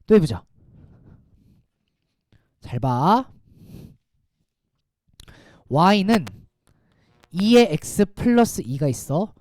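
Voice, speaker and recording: A man teaching a math class, talking casually and quizzing his students with quick rhetorical questions. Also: sits high, a little mellow, no echo, clean studio sound. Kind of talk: classroom lecture.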